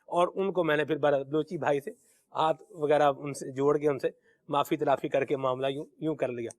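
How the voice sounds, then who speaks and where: Respectful man hosting, slightly high voice. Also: steady tone. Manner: respectful, affirming, hesitant fillers when reading. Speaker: show host reading viewer messages. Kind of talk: hosting a religious call-in show.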